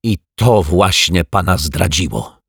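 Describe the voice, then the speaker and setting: A man's voice: sits low, lively intonation, takes it slowly, vocal fry, breathy edge, no room sound, clean studio sound, exaggerated voice. A man voicing a timid but stubborn male detective in a storybook reading. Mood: firm.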